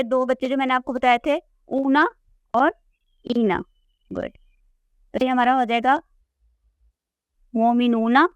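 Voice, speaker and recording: A woman's voice: sits high, no echo. A woman teaching Arabic grammar, patiently repeating word forms and checking in with her students. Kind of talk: classroom lesson explaining a chart.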